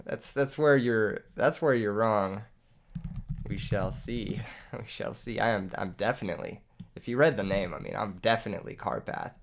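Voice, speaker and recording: Despite an illness that has taken his voice, this young man laughs and cracks self-deprecating jokes while narrating his card game live for his YouTube channel. He speaks at a normal speed in a lowish, gravelly voice, with a little hiss or hum in the audio.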